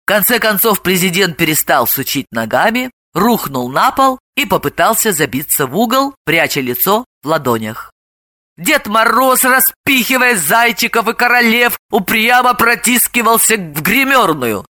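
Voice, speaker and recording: A woman narrating an audiobook with lively, comic storytelling. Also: medium pitch, moderate pace, dry recording, studio quality. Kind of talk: expressive audiobook reading.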